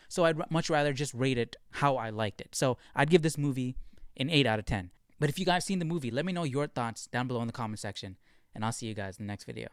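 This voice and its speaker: A man giving a casual, conversational film review, thinking out loud as he talks. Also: medium pitch, clean tone, dry recording, clean studio sound.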